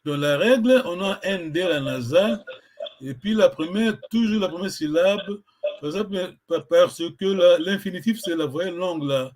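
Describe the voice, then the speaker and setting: A man teaching a language lesson, patiently repeating words slowly for a learner. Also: high-pitched, darkish tone.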